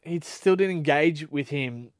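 A man, co-hosting a podcast in casual chat, making wry, deadpan jokes. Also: on the high side, measured pace, no echo, clean studio sound. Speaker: podcast co-host.

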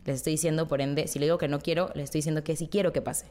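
A woman psychologist with a low voice explains ideas patiently in an interview. She often ends her points with a short question tag. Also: fairly even intonation, racing, dark tone.

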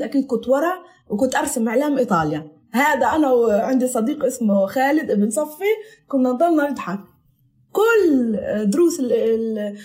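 A woman's voice: on the high side, darkish tone. A woman with a Palestinian Arabic accent chatting casually as an interview guest, dropping foreign words into her Arabic. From Palestinian from the Galilee. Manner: mixes English and Italian words into Arabic. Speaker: podcast guest.

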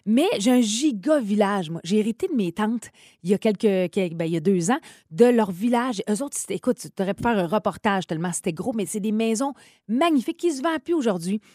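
A woman in her thirties with a Quebec French accent, co-hosting a casual radio chat, lively and laughing often. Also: mid-range voice, brisk, no echo, clean studio sound. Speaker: radio co-host.

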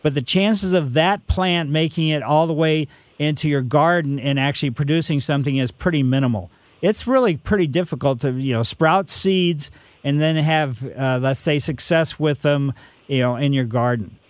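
A man's voice: a little high, normal speed, dry recording. A man in his sixties hosting a call-in gardening radio show, giving advice in a rambling, folksy way full of "you know". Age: 60s. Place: radio studio.

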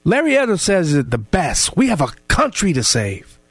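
A man's voice: a little high, wildly swooping pitch, moderate pace, a bit bright, husky, no echo. A man hosting a political talk radio show in a casual, fired-up way, often repeating words as he builds a point.

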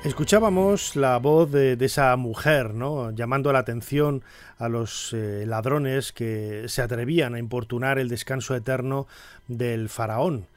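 A man's voice: medium pitch, measured pace, dry recording, soft background music. Dry-sounding middle-aged Castilian man presenting. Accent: Castilian Spanish. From Spain. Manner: discursive, seeks agreement with tag questions. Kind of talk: informal spoken commentary.

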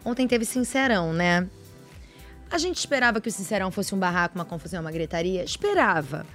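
A woman's voice: medium pitch, expressive, fast talker, a bit bright, faint music behind. A woman hosting a talk show in a chatty, playful way, bringing up topics and cueing clips. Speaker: host.

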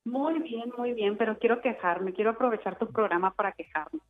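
Mexican lady calling the radio, fairly high voice, tinny phone, big echo like she's in the bathroom. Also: a little fast. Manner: chatty, complaining. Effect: heavy echo, as if calling from a tiled bathroom. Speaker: radio call-in caller. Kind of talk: casual phone call to a radio show. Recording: echoey phone line.

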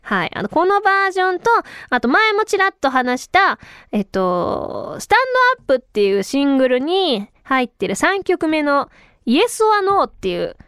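A woman in her thirties hosting a casual solo podcast, chatty and animated, her voice a little tired from talking a lot. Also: sits high, no echo, studio quality. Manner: chatty and animated, with frequent laughs. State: tired voice from talking too much. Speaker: radio and podcast host.

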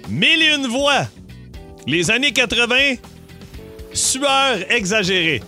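A middle-aged man with a Québécois accent, hosting morning radio in a high, bright and very animated voice. He teases and laughs his way through a quiz game, and light music plays faintly underneath. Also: slow. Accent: Québécois French. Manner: playful, teasing, laughs often. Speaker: radio morning show host.

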